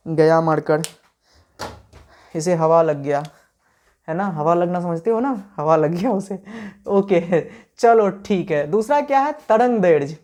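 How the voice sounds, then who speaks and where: A man teaching a physics class online from home at night, animated and playful, teasing his students and swinging between soft and loud speech. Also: sits high.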